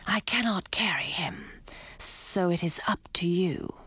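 A woman voicing a calm, protective male snake with a hushed, whispery voice in an audiobook. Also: lowish voice, husky, no room sound, full character voice. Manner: slow, quiet, measured. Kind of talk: audiobook character voice.

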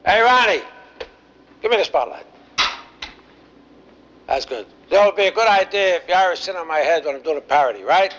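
An actor playing a proud, stubborn stage entertainer with a showmanlike manner in a TV drama. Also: male voice, high-pitched, expressive, a little fast, long pauses, fairly bright tone, a little hiss or hum. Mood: busy, upbeat. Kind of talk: TV drama acting. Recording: muffled soundtrack, music behind.

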